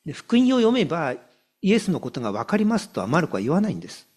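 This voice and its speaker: Preaching as a pastor, a man reads scripture aloud and gives key phrases weight by repeating them and slowing down. His slightly high, somewhat mellow voice swings hugely in pitch.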